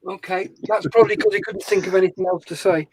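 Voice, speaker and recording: High-voiced man, dry teasing banter. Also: steady tone, fast talker, a little mellow, low-quality recording. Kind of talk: casual chat.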